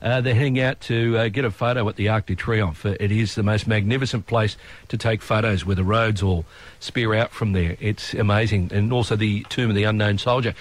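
A man's voice: lowish voice, steady tone, brisk, dry recording. An older Australian man hosting local radio with casual, matey, self-deprecating breakfast chat. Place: radio studio.

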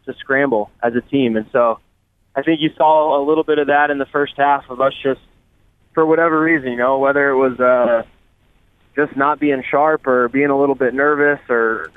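A man's voice: medium pitch, clean tone, dry recording. Man on speakerphone from his car. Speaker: guest player. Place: driving in a car. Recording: tinny phone line.

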